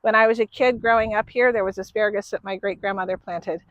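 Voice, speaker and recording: A woman hosting a gardening video outdoors, explaining her planting in a relaxed, chatty way. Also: mid-range voice, quick pace, no room sound, muffled recording. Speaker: gardening channel host. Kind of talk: casual how-to gardening talk. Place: outdoors in a garden bed in a grassy field.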